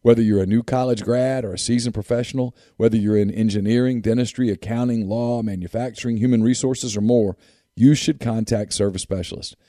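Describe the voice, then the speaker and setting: Man, very dark relaxed tone, dry close sound, podcast host. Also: mid-range voice, brisk, dry recording. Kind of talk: sponsor ad reads and casual sports talk.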